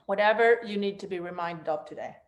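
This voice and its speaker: A woman teaching guided meditation, giving gentle instructions to a group as the teacher. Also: mid-range voice, brisk. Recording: roomy, echoey room sound.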